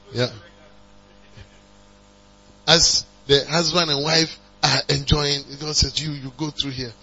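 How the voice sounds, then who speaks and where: A man preaching a sermon, calling on the congregation to respond and building to emphatic high passages. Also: sharp tone, breathy edge. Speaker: pastor. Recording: dull lo-fi recording with mains hum.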